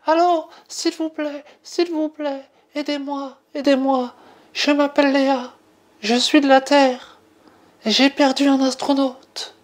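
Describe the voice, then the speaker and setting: Frantic young Earth woman, high-pitched and begging , as a woman puts her on. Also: flat delivery, slow pace. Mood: pleading. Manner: high, pleading. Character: panicked young woman from Earth pleading for help.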